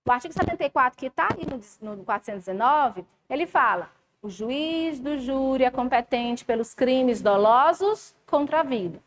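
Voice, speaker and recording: Lively and chatty, a high-voiced woman with a Brazilian Portuguese accent addresses her students directly during a live law class, speaking at a moderate pace. The recording is low quality and picks up clear classroom noise.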